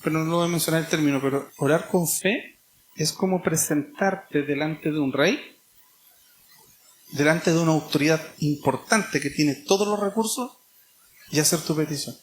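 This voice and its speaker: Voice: mid-range voice, normal speed, slight background noise. A preacher with a Chilean accent giving an emphatic sermon, repeating key phrases and asking rhetorical questions. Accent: Chilean Spanish.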